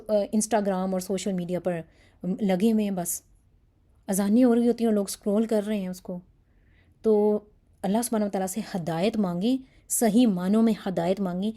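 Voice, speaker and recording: A woman with a Pakistani Urdu accent gives a heartfelt religious lesson. Her voice is mellow and warm, at a middle pitch. She urges her listeners earnestly, mixing English words into her Urdu. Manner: earnest, pleading, acts out examples. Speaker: Quran teacher.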